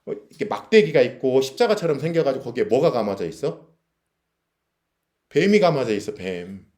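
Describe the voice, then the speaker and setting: Man, chapel Bible teacher, lively questions, reads verses, acts out scenes. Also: medium pitch, brisk. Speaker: teacher leading a youth chapel. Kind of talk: Bible teaching to young people.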